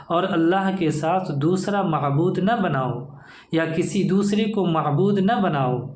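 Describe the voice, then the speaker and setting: A man teaching an Arabic grammar lesson, reading each phrase aloud, then translating it word by word and naming the verb forms. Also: high-pitched. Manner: repeats phrases and names each verb form. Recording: echoey room.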